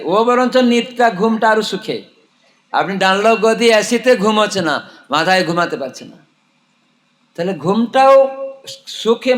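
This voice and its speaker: High-pitched male preacher, non-native Bengali accent. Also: a bit bright. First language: not Bengali. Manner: didactic, asks and answers own questions. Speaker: religious preacher. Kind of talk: sermon with storytelling, addressing villagers.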